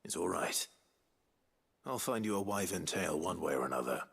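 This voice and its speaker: Clive, a deep, terse warrior hero. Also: male voice, normal speed, gravelly, husky, no room sound, clean studio sound, heavily acted. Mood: resolute. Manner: terse, calm and resolute. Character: grim, steady young male warrior hero. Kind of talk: game dialogue.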